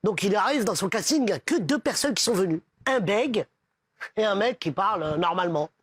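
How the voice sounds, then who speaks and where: A man telling a string of jokes in a casual stand-up style, acting out the characters with stutters and shouts. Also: high voice, expressive, fairly quick, husky, dry recording, studio quality. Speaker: comedian.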